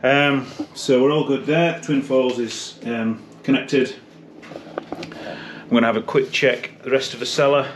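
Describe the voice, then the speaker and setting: Medium in pitch and steady in tone, this British landlord talks a bit slowly as he narrates his pub and cellar for a behind-the-scenes vlog. His commentary is relaxed and matter-of-fact, with slight background noise.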